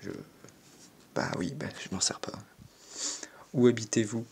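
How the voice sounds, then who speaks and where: Teen boy youtuber, lowish husky voice, stammers and jokes while reading a quiz on a desk mic. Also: animated, unhurried, a little mellow. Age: teenager, 14. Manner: hesitant, stammering, self-mocking, many fillers. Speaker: YouTuber answering an online quiz. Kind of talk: casual commentary reading quiz questions aloud.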